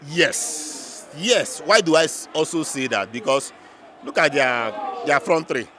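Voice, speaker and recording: A man's voice: on the high side, lively intonation, a little slow, crowd noise. A man with a Nigerian accent giving unscripted football reaction as a fan, emphatic and repeating phrases for effect.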